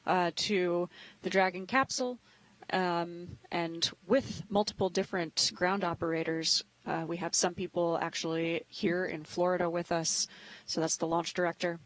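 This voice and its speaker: A woman's voice: on the low side, fairly even intonation, moderate pace, no echo, poor audio. Woman explaining on a live broadcast. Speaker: expert launch co-commentator.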